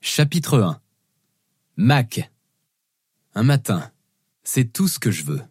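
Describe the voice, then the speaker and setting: A man narrating an audiobook in the first person, with expressive storytelling. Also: medium pitch, slow pace, breathy edge, no echo, clean studio sound. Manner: expressive storytelling with lively shifts.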